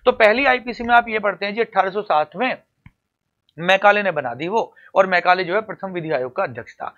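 A man's voice: high-pitched, fairly bright tone. Male coaching teacher explaining law, lo-fi. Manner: addresses students directly as "beta" and "champion". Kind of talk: explaining law for exam prep.

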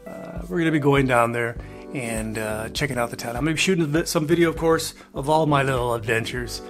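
Over background music, an older Texas man who runs an RV travel vlog talks casually to the camera in a plain room with a grey wall. His pitch is medium and his pace brisk. The update meanders, peppered with "uh" fillers and folksy digressions.

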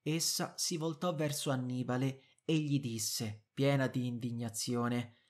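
A man narrating a book for language learners in a measured, clear reading. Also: mid-range voice, fairly even intonation. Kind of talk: scripted audiobook narration.

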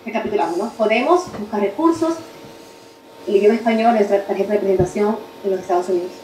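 A woman teaching a spelling masterclass over a video call, talking quickly and correcting herself as she explains. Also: mid-range voice, reverberant, a little hiss or hum, poor audio. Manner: fast-talking, self-correcting, animated teacher. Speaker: guest instructor.

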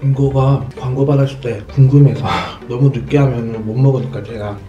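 Fast-talking man talking with chicken in mouth. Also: mid-range voice, steady tone, warm tone, echoey room, distant mic, dull audio. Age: 20s. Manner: chatty, talks while chewing. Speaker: mukbang host. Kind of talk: casual eating-show chat.

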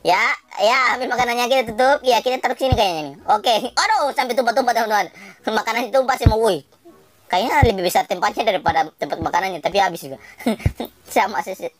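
A woman giving chatty, excitable gameplay commentary, talking to her viewers and to the game characters and laughing often. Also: fast talker. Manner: laughs often, swings between squeals and low mutters. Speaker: gaming channel host.

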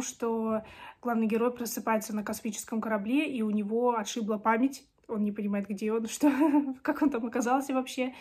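A book vlogger in her twenties chats casually to camera about books from a small home room lined with bookshelves. Her voice is on the high side, darkish and slightly rough, strained by a cold and a sore throat.

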